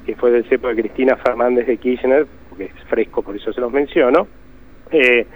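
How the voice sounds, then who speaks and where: A man's voice: mid-range voice, brisk. An Argentine man being interviewed as an economist, explaining emphatically and often rephrasing himself. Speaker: economist guest. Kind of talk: interview answers. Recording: tinny phone line.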